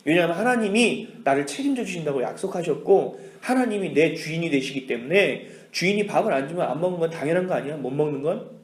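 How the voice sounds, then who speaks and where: A stubborn villager holds to his faith and answers in a pleading but firm voice, as a male preacher plays him out. The voice is fairly high, and the hall gives it a lingering echo. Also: lively intonation, fast talker, few pauses, close to an everyday voice. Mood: resolute. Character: stubborn faithful villager man refusing to follow the crowd.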